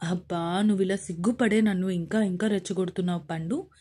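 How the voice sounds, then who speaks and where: A woman's voice: fairly low pitch, fairly even intonation, brisk, dark tone, breathy edge. A woman voicing a tender young husband. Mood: playful. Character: young man, affectionate doting husband.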